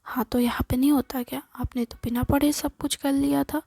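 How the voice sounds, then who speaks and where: A woman's voice: high voice, level tone, brisk, vocal fry, mellow, no echo. A woman voicing a doting, scolding middle-aged mother in a whispered role-play, in a reproachful manner. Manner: nagging, reproachful.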